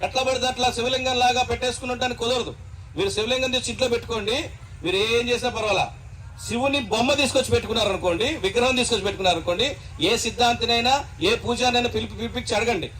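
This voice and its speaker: A man preaching a gospel sermon at a funeral in church, asking rhetorical questions and rising to shouts. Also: very high voice, rapid-fire, a little hiss or hum, rough recording.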